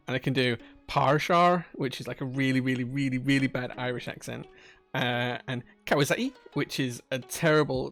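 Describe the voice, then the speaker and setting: With a Yorkshire accent and a medium-pitched voice that's creaky and a bit bright, this keyboard-building streamer chats casually. He works through viewer messages aloud, joking and rambling.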